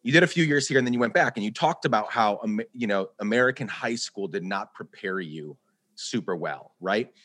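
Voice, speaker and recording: Earnest man host, long animated thoughts. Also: fairly low pitch, brisk. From Guatemala. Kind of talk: conversational interview.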